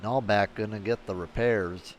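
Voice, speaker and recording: A man giving live race commentary in a chatty, excitable way that turns analytical. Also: fairly low pitch, normal speed, slight background noise. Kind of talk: live sim racing commentary.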